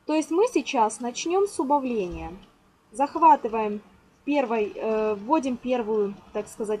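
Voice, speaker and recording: Patiently walking through a craft project step by step, a woman with a slightly mellow, high-leaning voice counts aloud and uses endearing diminutives. She works indoors at a table, recorded at home on rough amateur audio with clear background noise.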